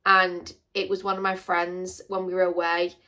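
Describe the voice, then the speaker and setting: A woman's voice: fairly low pitch, completely flat delivery, normal speed, sharp tone. A young woman talks straight to camera in a loose, chatty Q&A. She rambles, loses her thread and throws in dry little jokes as she goes. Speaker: vlogger. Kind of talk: casual Q&A chat to camera.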